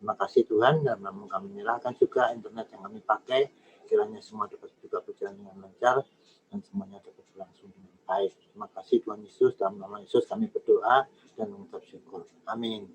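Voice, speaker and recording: Man praying steady and earnest, kinda low voice, bit of background hiss. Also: quick pace, vocal fry, muffled recording. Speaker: prayer leader. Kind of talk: opening prayer.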